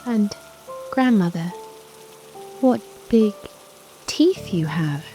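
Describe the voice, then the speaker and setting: A woman's voice: mid-range voice, lively intonation, drawn-out words. A woman voicing a timid, innocent little girl with a polite, hesitant manner in a bedtime storybook. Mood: hesitant wonder. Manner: polite, hesitant, wide-eyed. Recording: soft music and rain behind.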